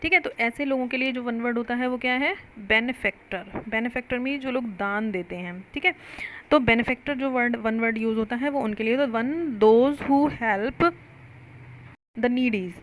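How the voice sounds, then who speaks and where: A young woman with an Indian accent teaching vocabulary, slowly explaining words and asking her students questions before answering them herself. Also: a little high, fairly bright tone, a little hiss or hum, poor audio. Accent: Indian English. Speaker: English teacher. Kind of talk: Hindi-English vocabulary lesson.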